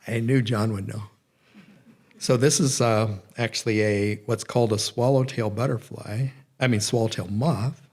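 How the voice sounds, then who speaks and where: A man's voice: fairly low pitch, fairly even intonation, unhurried, a little mellow. A middle-aged man giving a public lecture, rambling and correcting himself, with many fillers. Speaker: guest lecturer. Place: nature center event room.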